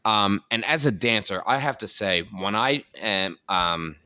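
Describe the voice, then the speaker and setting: A man's voice: on the low side, lively intonation, measured pace, pushed and bright, clear, resonant tone, no room sound, clean studio sound. A man, a dancer and podcast co-host, chatting casually and thinking aloud with lots of fillers. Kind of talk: casual chat.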